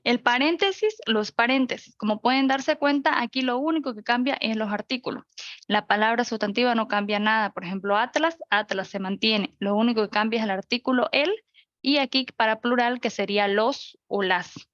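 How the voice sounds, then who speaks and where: A woman's voice: a little high, moderate pace, a bit bright, no room sound, dull audio. A young woman teaching an online class. She goes through examples one by one and checks in with her listeners. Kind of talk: virtual grammar lecture. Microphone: video call.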